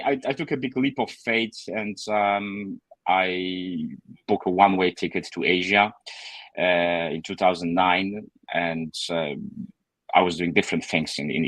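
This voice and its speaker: Deep-voiced man, hesitant. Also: a bit bright, dry recording, poor audio. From Poland. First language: Polish. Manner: hesitant, many fillers and restarts. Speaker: guest author. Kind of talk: casual interview storytelling.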